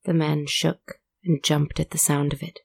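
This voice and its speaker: A woman narrating a story in a measured, deliberate way. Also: low-pitched, level tone, creaky, husky, no echo.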